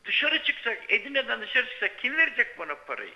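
A man phones in to a live sports show like a radio caller, and the line is dull and band-limited. His voice is high for a man and extremely bright and tense. He argues insistently, repeating each point for emphasis. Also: big pitch swings, a little fast. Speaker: sports writer phoning in to a TV sports show. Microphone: telephone.

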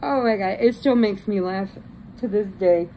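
A woman's voice: mid-range voice, normal speed, mellow, a little hiss or hum, low-quality recording. A woman with an American Midwestern accent chatting casually, telling stories and showing yarn in a crochet vlog. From Illinois, United States. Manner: chatty, laughs through her stories. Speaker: crochet vlogger. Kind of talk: casual storytelling and yarn haul.

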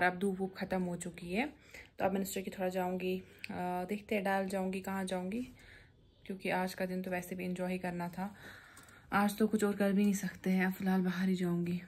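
With a lowish voice and a completely flat delivery, this young woman from Kashmir speaks briskly to her phone held out at arm's length. It's casual vlog chat as she narrates her day, moving from the streets to a cafe to home.

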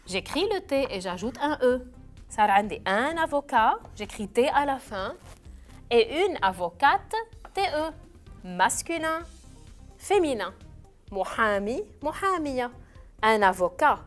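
Lively woman teaching French. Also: a little high, soft background music. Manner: slow, clearly spelled-out drilling of words. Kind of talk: televised classroom lesson.

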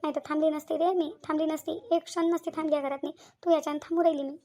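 A woman's voice: sits high, little pitch movement, fast, mellow. A woman voicing an aggrieved middle-aged mother in a cartoon, with a whiny, lamenting manner. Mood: self-pitying. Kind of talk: cartoon voice acting.

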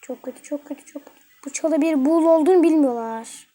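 A young woman giving excitable live commentary while playing a mobile game, talking to the characters on screen as she plays. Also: high-pitched, brisk. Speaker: gaming channel host.

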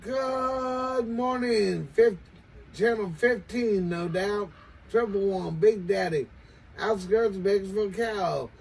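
An older American man calls out over CB radio from a small, cluttered home radio shack, chanting and repeating his sign-offs and catchphrases. His voice is high-pitched, slow, a little mellow and full of vocal fry. He speaks into a desk microphone, but a distant camera picks him up indoors, with some background noise.

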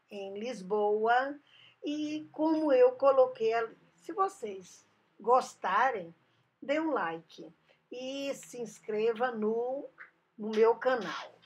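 A woman narrates a travel video voice-over. She speaks slowly and carefully, walking through dates and history with small restarts. Her voice sits a little high and has a breathy, husky edge. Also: highs cut off. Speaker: travel channel host.

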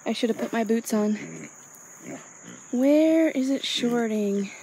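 With a slightly high, creaky voice that's very animated yet slow, a woman narrates her farm chores and muses aloud in an unscripted vlog. She owns a small farm and records outdoors, where insect and animal sounds mix into the audio.

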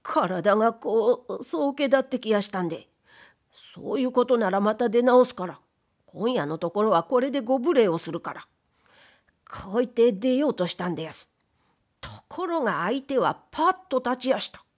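A woman's voice: fairly high pitch, expressive, normal speed. A woman reading aloud, voicing a humble, timid male ghost who was once a wastepaper dealer, speaking in polite, plaintive old Edo commoner speech. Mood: aggrieved. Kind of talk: audiobook reading of period fiction.

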